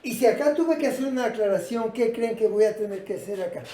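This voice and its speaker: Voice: mid-range voice, fast, dark tone, a little hiss or hum. A teacher giving a patient lesson and asking the class rhetorical questions. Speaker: English teacher. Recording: roomy, from a distance.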